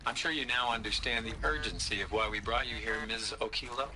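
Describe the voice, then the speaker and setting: An actor playing a formal official who questions a scientist in a clipped manner in a game. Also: male voice, fairly low pitch, a little fast, lightly acted. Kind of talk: game voice acting. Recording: game audio with clear ambient noise.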